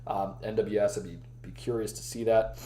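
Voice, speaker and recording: A man hosting a live weather briefing stream, chatting with his viewers while his voice is going hoarse. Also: on the low side, fairly even intonation, moderate pace, warm tone, a little hiss or hum. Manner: chatty, talks to the live chat. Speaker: weather livestream host.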